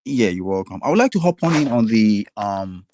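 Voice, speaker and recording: Male caller from Ghana, polite and halting, heard over a choppy conference call line with a dry sound. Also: on the low side, big pitch swings, a little mellow, no echo. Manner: polite, halting, with many ums. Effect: conference call line that keeps breaking up. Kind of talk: casual call-in chat.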